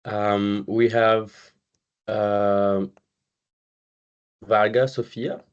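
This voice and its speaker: A man from Brazil, a community manager, hosting an online webinar in a relaxed, conversational way over a video call. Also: on the low side, clear, resonant tone. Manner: relaxed, conversational, pauses often with "uh" and "um". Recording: slightly muffled video call audio.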